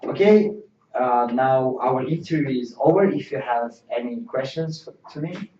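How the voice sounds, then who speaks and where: Playing the interviewer in a mock job interview, a man asks simple questions in non-native English. His mid-range voice is warm and animated, a little slow. The recording is distant and roomy, with a dull lo-fi sound.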